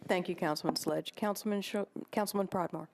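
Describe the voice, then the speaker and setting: A woman serving as vice mayor, chairing a council meeting in a brisk, procedural way as she reads bill titles and calls votes. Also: fairly low pitch, steady tone.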